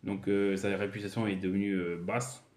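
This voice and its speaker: A man casually reviewing a television series, talking haltingly with many fillers and self-corrections. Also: low-pitched, little pitch movement, darkish tone. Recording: echoey room.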